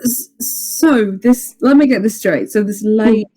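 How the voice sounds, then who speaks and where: A woman's voice: medium pitch, a little slow, dark tone, poor audio. A young woman roleplaying at a tabletop game, firing blunt, incredulous questions in character. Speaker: player.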